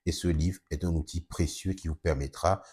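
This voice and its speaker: Guy with a deep, kinda husky voice, speech therapist walking you through stuff calmly. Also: moderate pace. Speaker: speech therapist presenting his book. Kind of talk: explanatory video presentation.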